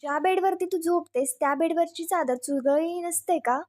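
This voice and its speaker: Brief: smug, teasing young husband, needling tone, read by a high-voiced woman. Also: moderate pace, a little mellow. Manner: mocking, needling.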